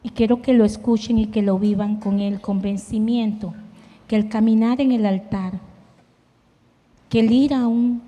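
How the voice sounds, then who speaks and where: Middle-aged woman church leader, warm-toned and earnest, preaching from her own life in a reverberant hall. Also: a little high, steady tone, a little slow. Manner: earnest, personal and emotive, with self-deprecating anecdotes. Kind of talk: sermon. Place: church sanctuary.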